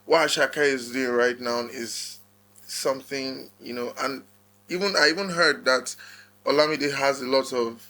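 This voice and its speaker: A man with a Nigerian accent co-hosts a relaxed podcast conversation, quick to affirm and build on what others say. His voice is bright and clear. A faint hum sits in the background. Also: mid-range voice. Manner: agreeable, often affirming others. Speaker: podcast co-host. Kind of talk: casual chat.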